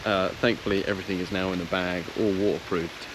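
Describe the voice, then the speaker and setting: A man with a deep, low voice chats casually to his viewers as a solo camping vlogger. His delivery is understated and a little halting. The recording is outdoors in woodland, with noticeable ambient noise behind him. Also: flat delivery. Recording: clearly noisy outdoor ambience.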